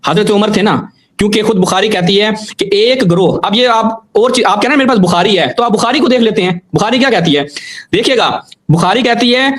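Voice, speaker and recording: A man arguing his case in a religious debate, insistent and pressing, reciting Arabic quotations at a steady clip. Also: high voice. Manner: insistent, argumentative, quotes Arabic texts. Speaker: debate guest.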